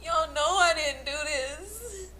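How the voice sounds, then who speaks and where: A woman's voice: high-pitched, expressive, slow, sharp tone. A crying woman making a defendant's emotional statement to the court, protesting and pleading. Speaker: defendant addressing the judge at sentencing. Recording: noisy courtroom pickup.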